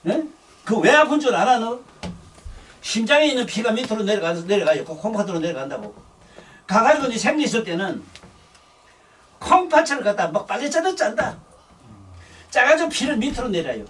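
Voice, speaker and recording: A man's voice: sits high, very animated, moderate pace, long pauses, a bit bright, far from the mic. An older man with a Busan accent, giving a rambling dharma sermon in a blunt, scolding, coarse-spoken way. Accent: Gyeongsang (Busan). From Busan, South Korea. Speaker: Buddhist dharma teacher.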